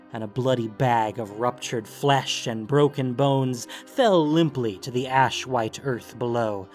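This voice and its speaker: A man with a mid-range voice narrates a fantasy story podcast, delivering dramatic scripted narration while music plays beneath him.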